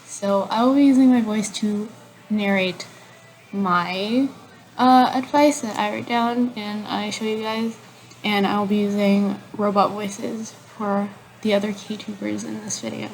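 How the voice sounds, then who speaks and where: Woman, channel host, casual vlog chat, hesitant, fillers, unhurried. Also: mid-range voice, fairly even intonation, faint music behind, poor audio.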